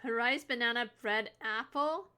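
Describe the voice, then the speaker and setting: Slow-talking bright young woman streamer. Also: fairly high pitch, clean tone. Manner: teasing, laughs often. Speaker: livestream host. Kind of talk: casual chat on a live stream.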